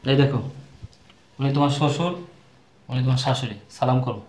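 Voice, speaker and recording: A man's voice: medium pitch, brisk, a little mellow, natural voice. A man playing a pleading poor young husband. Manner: pleading, placating. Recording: echoey room.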